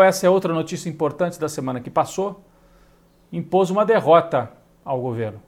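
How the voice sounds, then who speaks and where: A Brazilian man with a Brazilian Portuguese accent giving opinionated political news commentary, with sardonic asides. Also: fairly high pitch.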